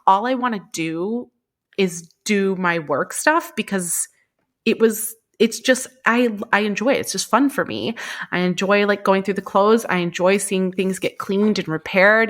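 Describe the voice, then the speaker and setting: A woman's voice: mid-range voice, fairly bright tone. A woman guest on a podcast, talking enthusiastically and rambling with many fillers and laughs. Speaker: guest, secondhand clothing reseller. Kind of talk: casual interview chat.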